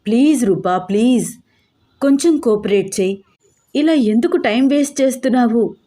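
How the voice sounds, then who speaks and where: A woman's voice: on the high side, animated, normal speed, mellow. A woman voicing a pushy, sly young man in a story.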